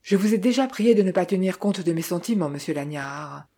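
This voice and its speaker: A woman reading the lines of a distressed young woman in an audiobook, in a halting, distraught way. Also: fairly low pitch, lively intonation, mellow, breathy edge.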